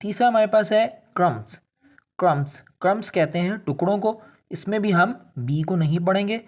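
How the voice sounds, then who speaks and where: A man's voice: high-pitched, normal speed. A man from Pakistan, an English teacher, explaining pronunciation rules step by step in a video lesson and speaking straight to his viewers.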